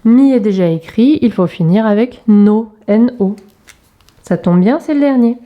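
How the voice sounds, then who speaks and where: A woman teacher, talking young pupils through an exercise in a remote lesson video, spelling out sounds and letters slowly and carefully. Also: a little high, animated, muffled recording. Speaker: primary school teacher.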